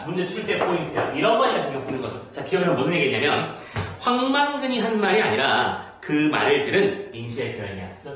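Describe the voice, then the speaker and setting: A middle-aged man teaching a literature lecture to students, chatty and lively, reading passages aloud and acting out the characters. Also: high voice. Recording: very echoey room, mic off at a distance, faint noise.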